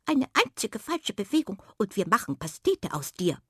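A woman's voice: on the high side, wildly swooping pitch, normal speed, husky, dry recording, clean studio sound, voice pushed up, heavily acted. A woman doing a grumbling hedgehog. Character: prickly grumbling male hedgehog.

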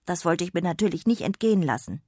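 A woman's voice: fairly low pitch, lively intonation, quick pace, mellow, no room sound, clean studio sound. A woman voicing a small, feverish, sleepy fairy in a children's radio story. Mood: fretful. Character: small sick sniffly female star fairy.

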